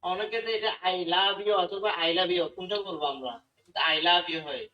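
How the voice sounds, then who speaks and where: A man's voice: sits high, animated, moderate pace. A man asking his teacher a question in an online class, hesitant and repeating himself. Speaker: student. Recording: distant dull call audio.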